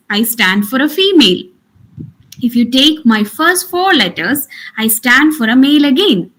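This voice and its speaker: A woman's voice: high voice, fairly bright tone, low-quality recording. A woman teaching an online workshop, instructive, restating her points for emphasis. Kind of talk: interactive lecture.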